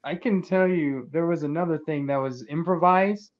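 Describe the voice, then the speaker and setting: A man's voice: fairly high pitch, moderate pace, dull audio, a loud crowd. A man hosting a podcast in casual chat, laughing often and trailing off mid-sentence. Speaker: podcast host.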